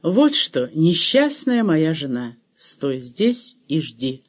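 A man's voice: fairly high pitch, sing-song, slow pace, exaggerated voice. A man voicing a nosy, weary middle-aged husband in an audiobook. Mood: exasperated. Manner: busybody, exasperated.

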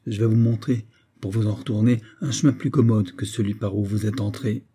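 A man's voice: fairly low pitch, steady tone, brisk, mellow, slightly rough. A man playing a stern young officer. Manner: commanding, indignant.

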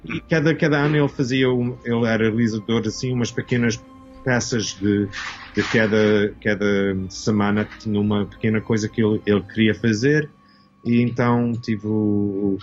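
A man's voice: lowish voice, steady tone, normal speed, muffled recording, faint music behind. A Canadian-born man in his fifties, a costume designer speaking as an interview guest, hesitant and searching for words with many restarts. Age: 50s. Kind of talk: casual interview talk.

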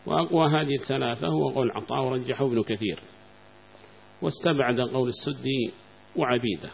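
A man's voice: mid-range voice, a little fast. A man teaching a lesson on a classical legal text, explaining patiently, repeating key terms and quizzing his students. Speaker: teacher of Quranic law. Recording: gravelly lo-fi recording with faint hum.

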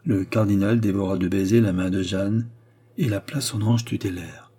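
A man narrating a classic novel as an audiobook, with measured, expressive storytelling. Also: lowish voice, husky.

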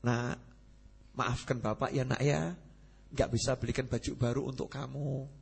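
A man's voice: mid-range voice, flat delivery, moderate pace, gravelly, breathy edge, voice pushed down. A man quoting a poor apologetic father. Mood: gentle apology.

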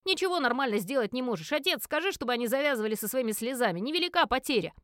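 A woman voicing a spoiled, scornful young man who sneers loudly and dismissively. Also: high-pitched, animated, rapid-fire, dry recording, studio quality.

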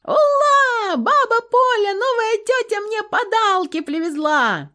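A woman reading an audiobook, voicing a small excited boy who lisps and squeals. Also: moderate pace. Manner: squealing, lisping, high. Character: small excited boy, lisping little child. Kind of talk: audiobook character voice.

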